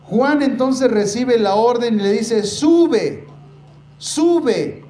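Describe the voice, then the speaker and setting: Male pastor, sermon, high-pitched and emphatic, recorded in an echoey church room. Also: fairly even intonation, warm tone. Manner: preaching, repeatedly addressing the congregation as brothers; emphatic, slows down to stress key words.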